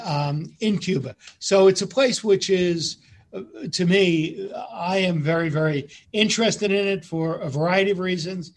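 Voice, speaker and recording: A middle-aged man, a priest, hosting a radio interview in a halting way, with many fillers and repeated words. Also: a little high. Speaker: radio show host, priest.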